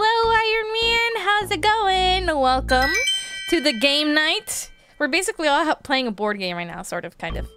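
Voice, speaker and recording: A young woman streaming live, chatting casually with viewers, playful and quick to swear and laugh. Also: high-pitched. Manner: playful, swears and laughs often, reads chat aloud. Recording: music playing behind voice.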